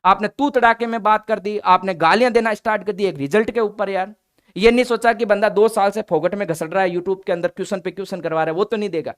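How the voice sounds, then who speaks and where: A man with a fairly high voice delivers a direct-to-camera update. He speaks bluntly and conversationally, addressing his viewers as a coaching teacher would. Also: fairly even intonation, fast talker, fairly bright tone, smooth. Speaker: exam coaching teacher and YouTuber.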